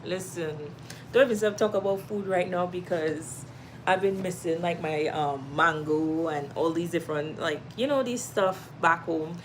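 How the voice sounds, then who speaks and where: A Trinidadian woman with a fairly low voice speaks at normal speed, a little hiss or hum behind her, while hosting a relaxed livestream from home. She laughs often, reads viewer comments out loud, and warmly encourages her audience.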